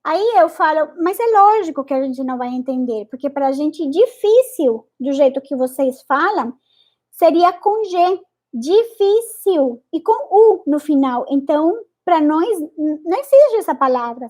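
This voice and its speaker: High-voiced woman teacher. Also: expressive, darkish tone. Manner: repeats each word several times, deliberately exaggerated articulation. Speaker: Spanish teacher. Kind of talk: pronunciation lesson.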